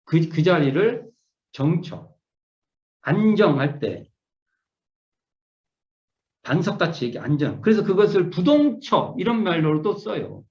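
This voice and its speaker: Teaching scripture online, a middle-aged Won Buddhist minister thinks aloud, restarting often and repeating key words. He speaks a little slowly with frequent pauses, in a high, somewhat dark voice that rises and falls widely. The recording is dull and lo-fi, in an echoey room.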